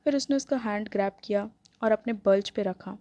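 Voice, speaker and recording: A woman's voice: medium pitch, fairly quick, mellow, no echo. A woman narrating a romance novel as a casual storytelling recap, mixing in English words.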